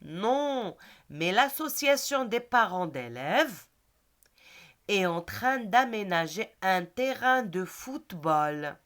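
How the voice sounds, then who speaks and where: A woman reading a schoolboy's lines from a textbook dialogue, clearly and deliberately. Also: mid-range voice, very animated, a bit bright. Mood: proud. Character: cheerful schoolboy describing his school.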